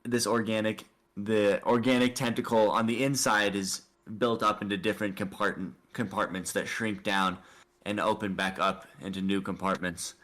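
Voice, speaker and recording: A man narrating a tabletop space adventure as game master, in a slow, deliberate way with pauses. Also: fairly low pitch, fairly even intonation, a bit bright. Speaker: dungeon master.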